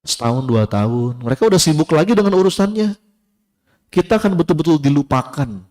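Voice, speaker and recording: A male Islamic preacher giving a sermon to a live congregation, a lively storyteller who talks straight to his listeners. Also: a little high, a little fast.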